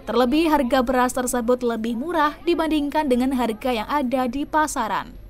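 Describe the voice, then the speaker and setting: A woman reading a scripted local television news report in a formal, even newsreader manner. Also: sits high, normal speed, faint music behind. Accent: Indonesian. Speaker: news presenter.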